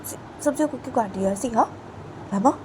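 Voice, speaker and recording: A woman's voice: a little high, fast talker, background noise, pitched above the performer's own voice, close to an everyday voice. A woman voicing an anxious young woman who fusses and pleads again and again. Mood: coaxing. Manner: fussing, repeats pleas over and over.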